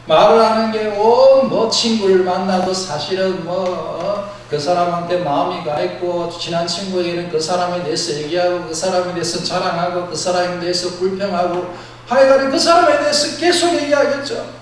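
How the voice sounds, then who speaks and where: A man preaching a sermon as a pastor with a Gyeongsang accent, plain-spoken and blunt, swinging between loud emphatic bursts and soft low asides. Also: moderate pace, few pauses. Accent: Gyeongsang Korean. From Gyeongsang region, South Korea. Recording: very echoey hall, mic far off, faint noise.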